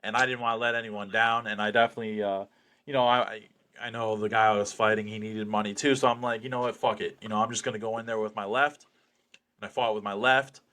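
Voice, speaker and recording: Bright, forceful man talking cocky fight-game bravado. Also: lowish voice, steady tone, quick pace. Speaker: professional slap fighter being interviewed. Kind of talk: casual interview chat.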